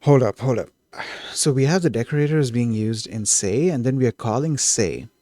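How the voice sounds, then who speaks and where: A man streaming himself coding, thinking aloud, who gets excited and keeps correcting himself mid-thought. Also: medium pitch, moderate pace, no echo, studio quality. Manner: excitable, self-correcting, trails off and restarts.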